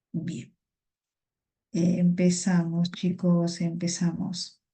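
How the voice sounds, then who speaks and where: Slow, mellow-voiced woman teaching online. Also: fairly low pitch. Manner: patient, repeats words and greets students by name. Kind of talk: online class teaching vocabulary. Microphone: video call.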